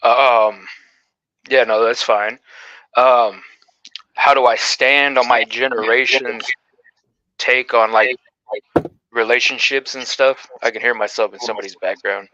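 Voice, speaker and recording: A man's voice: medium pitch, steady tone, measured pace, long pauses, bright, forceful tone, dry recording. A man in his twenties, a guest on a live call, talking hesitantly with lots of fillers. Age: 20s. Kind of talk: casual call-in chat. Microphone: remote call. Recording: dull lo-fi call audio.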